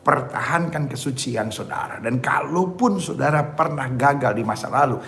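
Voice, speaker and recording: A man's voice: mid-range voice, lively intonation, normal speed, creaky, fairly bright tone. A man preaching a sermon, emphatic, often asking his listeners "ya kan?" and calling them "saudara-saudara". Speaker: pastor. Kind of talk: sermon on dating.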